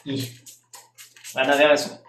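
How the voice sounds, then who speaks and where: A man's voice: mid-range voice, level tone, echoey room, noisy background. A man teaching French in a live online grammar lesson, patiently repeating examples and checking in with his students. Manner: drawn-out French example phrases.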